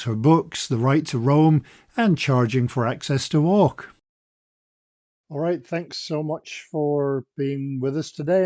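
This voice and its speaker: A man's voice: mid-range voice, darkish tone. Upbeat male podcast host. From Scotland. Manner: upbeat, conversational, dry humour. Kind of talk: podcast news roundup and interview.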